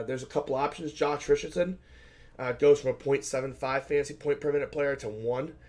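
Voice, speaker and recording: A male host analyzes a fantasy basketball betting slate solo, his voice hoarse and scratchy after shouting at a game, pitched in the middle. He speaks conversationally and rambles, working ideas out aloud with many fillers and self-corrections.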